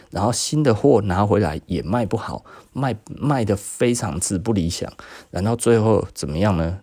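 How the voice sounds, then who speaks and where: A man's voice: fairly low pitch, dark tone, no echo, clean studio sound. A man in his forties from Taiwan, with a Taiwanese Mandarin accent, hosting a podcast and telling a casual story about running his business. He chats, laughs often and acts out what people said. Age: 40s. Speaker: podcast host and business owner.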